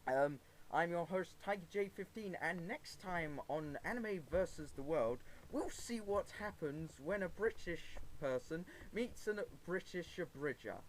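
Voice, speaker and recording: A man's voice: high-pitched, animated, a little hiss or hum, low-quality recording. A man hosting a podcast interview, asking questions casually and joking with his guest. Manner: unhurried, jokey, laughs often. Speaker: podcast host.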